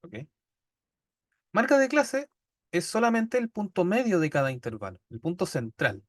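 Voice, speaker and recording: Here the Chilean statistics teacher sounds high-pitched and very animated, talking at a normal speed. He patiently breaks things down step by step in his classroom lecture, checking on students with frequent "¿ya?". The sound is clean studio audio with no room noise.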